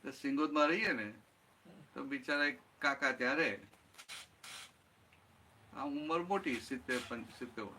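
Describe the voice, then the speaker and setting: A man's voice: medium pitch, normal speed, long pauses, sharp tone, slight background noise. A man giving a satsang talk as spiritual teacher, explaining with everyday examples and often checking that listeners follow. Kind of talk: satsang talk answering a question.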